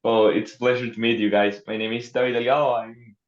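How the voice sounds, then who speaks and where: A man's voice: medium pitch, flat delivery, fast. Man in an echoey room. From Venezuela. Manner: earnest, searching for words. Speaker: social venture co-founder. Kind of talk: casual video-call introduction. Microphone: video call. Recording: roomy, dull video-call audio.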